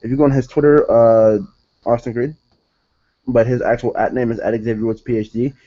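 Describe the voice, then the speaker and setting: A man's voice: medium pitch, flat delivery, fairly quick, dark tone, highs cut off. A young man reviewing a wrestling show in casual solo talk, rambling, correcting himself and sounding exasperated.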